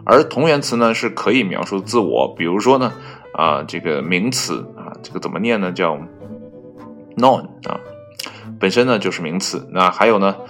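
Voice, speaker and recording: A man with a very low voice reads an article aloud in a loose, chatty way, filling the gaps between phrases with little particles. He stumbles on foreign names and openly fixes them, and faint music plays underneath. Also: animated, normal speed, fairly bright tone. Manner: heavy use of filler particles between phrases. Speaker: reader of an online article. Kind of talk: casual read-aloud with chatty asides.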